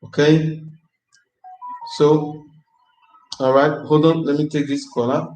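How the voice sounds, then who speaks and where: A man's voice: fairly high pitch, level tone, slow, a little mellow, soft background music. A man hosting a live-stream question-and-answer chat, chatty and upbeat, often repeating his phrases. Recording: roomy echo.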